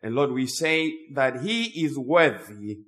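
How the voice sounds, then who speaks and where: Very animated and fairly bright in tone, a mid-range male voice preaches as a guest speaker despite having a cold. He comes from Zimbabwe, speaks English as a second language, and draws his emphatic phrases out slowly.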